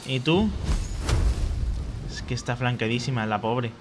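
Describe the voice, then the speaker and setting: With game music playing behind him, a man streams his gameplay live, speaking in a mid-range voice at a somewhat slow pace. He swears and mutters at the game as he comments.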